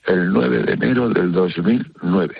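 An older man from Spain with a gravelly smoker's rasp, chatting haltingly as a listener calling in to a radio show. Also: sits low, dry recording. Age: older, early retired. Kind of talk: casual conversation, personal account. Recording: dull lo-fi call to radio.

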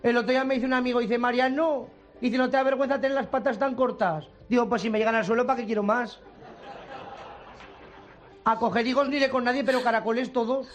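A cheeky rustic villager, as a comedian puts him on, rattling off jokes in an Aragonese accent. His voice sits very high and races along. He acts out both sides of each joke. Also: steady tone, lo-fi sound. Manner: rapid storytelling of jokes in quoted dialogue. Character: rustic joking village man, quick and cheeky.

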